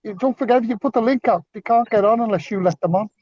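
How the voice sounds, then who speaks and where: A man's voice: high-pitched, fast talker, dull audio. A man chatting and joking on a live panel call from his car speakerphone while driving. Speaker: panel guest on a live stream. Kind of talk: casual banter.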